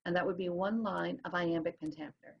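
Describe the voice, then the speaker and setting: A woman's voice: lowish voice, steady tone, fairly quick, vocal fry, a little hiss or hum. A woman teacher explaining things in a recorded lesson, sounding out rhythms as she goes. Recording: dull lo-fi recording.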